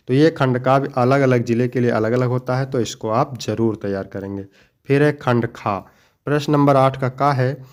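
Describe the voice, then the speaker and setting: A man's voice: mid-range voice, darkish tone. A young man teaching, walking students step by step through the questions and answers of an exam paper and addressing them fondly. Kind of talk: exam paper walkthrough lesson.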